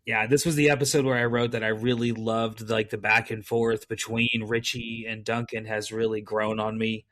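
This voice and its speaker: A man's voice: fairly low pitch, flat delivery, normal speed, fairly bright tone. A man co-hosting a podcast, chatting casually and enthusiastically with lots of fillers and asides. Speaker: podcast co-host.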